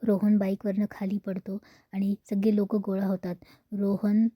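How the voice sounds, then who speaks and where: A woman retelling a TV serial episode in a steady, plain narration. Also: mid-range voice, measured pace, no echo.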